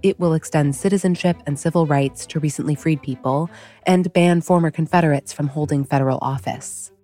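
A woman's voice: sits low, warm tone. A woman hosting a podcast, reading scripted history narration in a wry, conversational storytelling manner. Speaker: podcast host.

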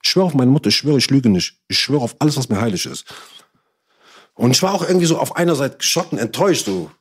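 This man has a mid-range, breathy voice and talks fast while recounting an anecdote in casual chat. Slangy and animated, he plays out what others said and vows he isn't lying.

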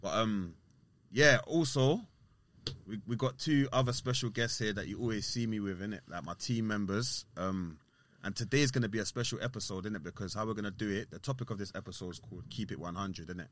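A man's voice: lowish voice, brisk, a bit bright. A man with a London roadman accent hosting a casual podcast, talking in hyped street slang with repeated tag questions. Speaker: podcast host.

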